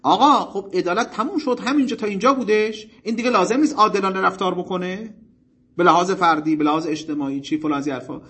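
A man giving a religious lecture to seminary students, telling stories in a formal, animated way with polite asides to his listeners. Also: high-pitched, breathy edge.

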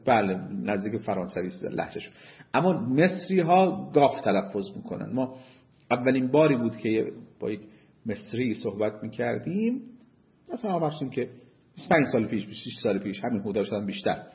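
Male seminary lecturer, very animated pitch, muffled lo-fi recording. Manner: slow deliberate reading of Arabic text, then lively asides. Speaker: seminary teacher. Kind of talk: lecture on Islamic jurisprudence.

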